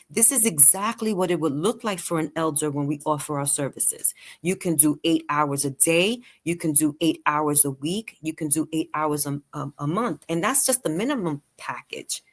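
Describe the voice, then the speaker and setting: Appearing as a guest on an interview show, a woman of Latin American heritage who runs a care and virtual assistant business speaks persuasively and with animation in a low voice. She rattles off rhetorical questions and now and then deliberately slows down.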